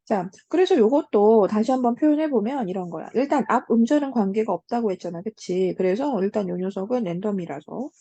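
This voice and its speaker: A woman teaching grammar in an online lecture to high school students, often asking "right?" and filling pauses with "so" and "um". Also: warm tone, dry recording. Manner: fills pauses with "자" and "음", asks the class check questions.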